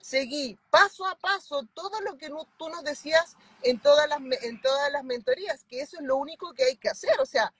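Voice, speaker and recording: A Chilean woman in her thirties, a mentoring client, speaks with fervent emphasis on a video call from her car, phone at arm's length. Her voice sits high and fairly bright, with lively intonation, a brisk pace and hardly any pauses.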